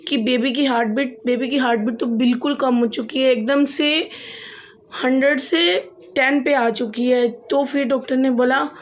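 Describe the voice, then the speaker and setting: A woman's voice: sits high, fairly even intonation, moderate pace, highs cut off. Chatty young woman recounting a story. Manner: chatty, repeats phrases for emphasis, laughs at herself. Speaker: vlogger. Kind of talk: casual storytelling to camera.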